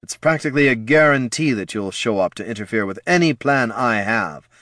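A man voicing an exasperated, scornful undead sorcerer father in an audiobook, speaking slowly and with contempt. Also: mid-range voice, animated, a bit bright, dry recording, studio quality, natural voice. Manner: slow, weary, contemptuous. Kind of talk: audiobook character voice.

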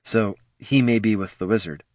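A calm woman companion speaks plainly and evenly, as a male narrator reads her. The voice stays in the reader's low register. It sounds close and dry. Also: normal speed, no echo, natural voice.

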